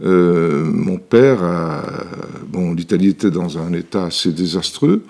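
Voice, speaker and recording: This man's low voice is expressive, unhurried and a little mellow. He's a seventy-something interview guest from Italy, an elixir maker recounting his life in his workshop in a relaxed way, often hesitating, restarting and using fillers.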